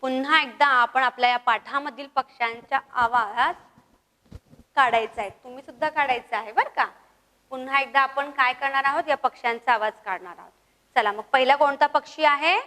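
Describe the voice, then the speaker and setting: A woman's voice: sits high, moderate pace, bright, forceful tone, in a large hall, low-quality recording. A woman teaching a first-grade class, coaxing the children to repeat after her and imitating bird calls. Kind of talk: grade one lesson, call and repeat.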